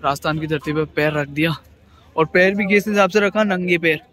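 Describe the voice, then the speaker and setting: A man's voice: on the high side, brisk, a crowd in the background. A young man casually narrating a train journey vlog to his viewers, chatty and upbeat, filming himself on a phone at arm's length. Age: young adult. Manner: chatty, addresses viewers as guys. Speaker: travel vlogger. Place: crowded train coach and station platforms. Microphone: handheld phone at arm's length. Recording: noisy train and station.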